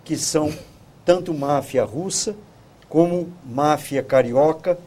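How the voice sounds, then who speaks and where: A man speaking as a guest commentator in a talk show debate, measured and formal. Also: fairly high pitch, warm tone.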